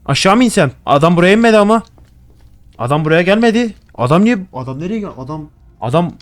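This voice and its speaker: A man's voice: high voice, expressive, fast talker. Jumpy young man swearing at a horror game. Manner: jumpy, swears a lot, talks to objects in the game. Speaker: gaming YouTuber. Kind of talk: casual horror game commentary. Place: home room.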